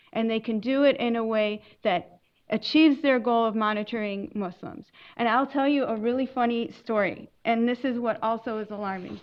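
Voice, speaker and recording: A woman from Lebanon speaking on a legal panel, earnest and emphatic, pausing and correcting herself as she explains. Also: on the high side, highs cut off. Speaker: immigration attorney on a panel. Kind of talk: panel talk to an audience.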